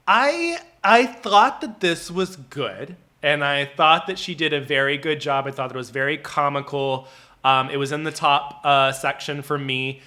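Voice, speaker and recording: A man with a sharp, bright voice pitched a little high. He co-hosts a casual review, rambling chattily with plenty of "like" and acted-out asides. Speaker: reality show review co-host.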